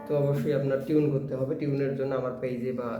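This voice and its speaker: A man's voice: mid-range voice, flat delivery, fast, mellow, faint music behind. A man giving a patient step-by-step instrument lesson, chanting rhythm syllables aloud as he plays. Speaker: music teacher. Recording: echoey room with plucked strings.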